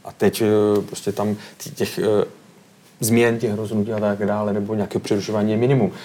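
A man's voice: fairly low pitch, little pitch movement, dark tone. A man speaking as a pundit in a casual football discussion, explaining at length and checking in with the others as he goes.

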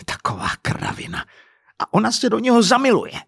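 A man voicing an indignant middle-aged husband who rants and shouts crudely about being cheated, in an audiobook story. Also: mid-range voice, sing-song, husky, no room sound, studio quality. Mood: furious ranting. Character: furious middle-aged man, swindled family.

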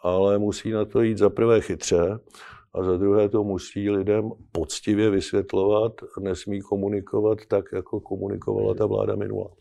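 A man commenting as a guest in a political discussion, speaking in an earnest, persuasive and measured way. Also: on the low side, flat delivery, gravelly, warm tone.

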